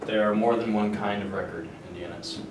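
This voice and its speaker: Low-voiced man explaining tech, distant and roomy. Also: steady tone. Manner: halting, thinking aloud. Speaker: engineer giving a technical talk and answering questions. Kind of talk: informal technical explanation with questions. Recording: roomy, far microphone, noticeable low rumble.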